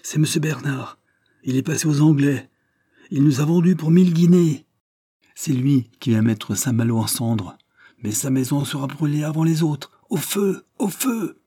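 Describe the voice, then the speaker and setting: A man doing a furious shouting mob of fishermen. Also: on the high side, moderate pace, breathy edge, no echo, studio quality, voice pushed up. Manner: furious, yelling.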